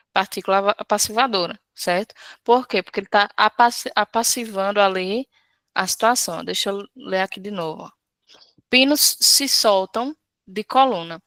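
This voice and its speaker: A woman's voice: mid-range voice, fairly bright tone, dry recording. A woman teaching Portuguese in a live class, patiently walking through an exam question and checking in with her students. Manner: patient, explains step by step, checks in often with "certo?".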